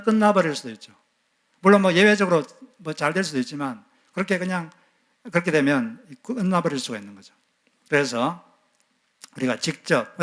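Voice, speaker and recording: Korean pastor preaching, fairly high voice. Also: male voice, fairly bright tone. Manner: asks the congregation questions and acts out quoted scolding. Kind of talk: sermon.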